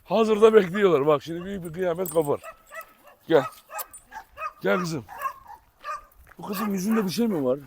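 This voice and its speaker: A man with a high-sitting voice talks at normal speed, pausing often, as he runs a casual farm vlog as a dog breeder, calling and coaxing his dogs while addressing viewers. He's outdoors on a farm among dog cages, and the recording has loud background noise and barking.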